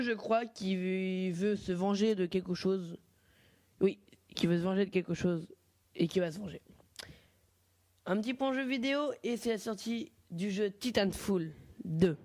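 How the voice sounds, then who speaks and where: A man's voice: sits high, no room sound. A young man with a French accent hosting a casual amateur radio show, chatty and informal, often correcting himself mid-sentence. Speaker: radio host.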